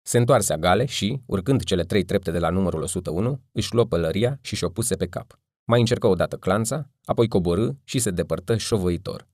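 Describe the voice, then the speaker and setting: A man narrating an audiobook in steady, even storytelling. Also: low-pitched, dry recording, studio quality. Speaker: audiobook reader. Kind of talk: scripted narration.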